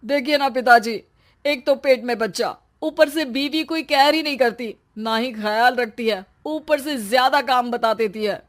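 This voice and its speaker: A woman's voice: a little high, moderate pace, natural voice. A woman voicing a young husband who is pregnant, whiny, fearful and always complaining. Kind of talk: storybook voice acting.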